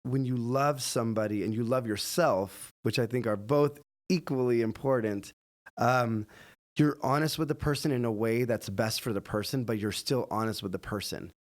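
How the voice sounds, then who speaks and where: A man co-hosting a casual podcast, earnest and reflective. He often backs up what his co-host says. His voice sits at an ordinary middle pitch. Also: normal speed. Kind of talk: casual chat.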